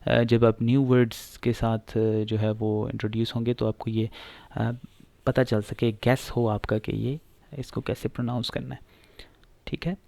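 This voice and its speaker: A man's voice: medium pitch, little pitch movement, unhurried, vocal fry, warm tone, dry recording. A man teaching pronunciation, explaining patiently and repeating each word several times, with frequent filler sounds.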